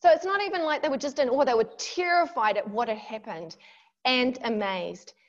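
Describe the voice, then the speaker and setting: An earnest woman with a somewhat high voice leads a devotional talk over a video call. She retells a scripture story vividly. The call audio is dull and lo-fi. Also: normal speed. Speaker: devotional workshop leader. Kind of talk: devotional talk with Bible reading.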